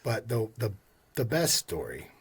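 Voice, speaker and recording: Speaking unhurriedly in a lowish, breathy voice, a man in his fifties shares anecdotes from his mortgage lending work during a casual interview. He's an animated storyteller who performs the lines his customers said.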